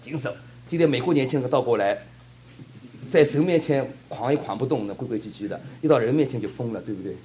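A man's voice: mid-range voice, expressive, fast talker, mellow, slight background noise. A man preaching a fervent sermon and telling a testimony, asking the congregation rhetorical questions.

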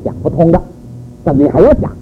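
Older male church speaker, high and animated, storytelling sermon, narrow phone-quality recording. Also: brisk, soft background music. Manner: animated storytelling with rhetorical questions. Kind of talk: sermon on child-rearing. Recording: phone-like narrow audio with faint noise.

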